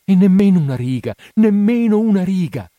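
A man reading aloud, voicing a heartbroken, desperate young woman who pleads in high, anguished cries. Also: expressive, moderate pace, no echo, dull audio.

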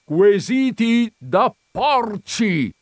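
A man voicing a calm but stubborn male visitor, pressing his questions emphatically while reading a comic story. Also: fairly high pitch, unhurried, no echo, studio quality, pitched above the performer's own voice. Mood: triumphant.

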